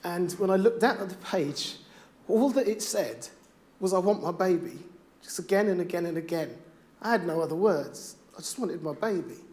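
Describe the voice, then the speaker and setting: A middle-aged father speaking on stage, performing spoken word poetry with a rhythmic, rhymed delivery that swings from hushed to loud. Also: high voice, animated, normal speed.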